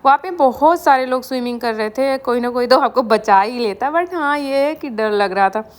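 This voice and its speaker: A woman's voice: high voice, normal speed. A woman from India narrating her family vlog in a chatty, storytelling voice-over, mixing English words into her talk. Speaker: family vlogger.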